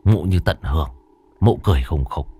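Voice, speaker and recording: A man's voice: rumbling low, expressive, normal speed, dark tone, breathy edge. A man narrating a first-person horror story for an audiobook, drawing out the eerie passages with dramatic delivery.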